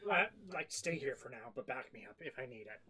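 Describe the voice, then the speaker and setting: A man's voice: medium pitch, lively intonation, a little fast, pushed and bright. A man chatting casually as a player in a tabletop role-playing game.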